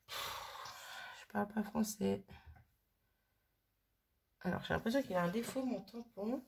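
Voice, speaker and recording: A woman with a medium-pitched, gravelly, slightly rough voice thinks aloud casually while working on a craft project. The crafting vlogger chats and mutters to herself at her worktable.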